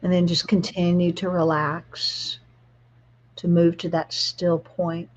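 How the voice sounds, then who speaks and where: A woman spiritual guide leading a guided relaxation meditation in a soft, soothing, spa-like manner. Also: on the low side, flat delivery, muffled recording. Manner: soft, soothing, slow-paced spa-like delivery.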